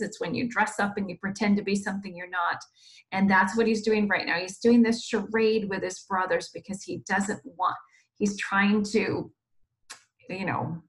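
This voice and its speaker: A woman teaching Sunday school, telling a Bible story to children in an animated way and asking them questions. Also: medium pitch.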